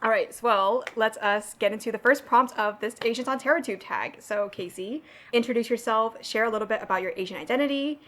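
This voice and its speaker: A woman from Southern California hosting a casual chat, relaxed and chatty, reading out prompts to her guest. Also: fairly high pitch, fairly quick, hardly any pauses. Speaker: host.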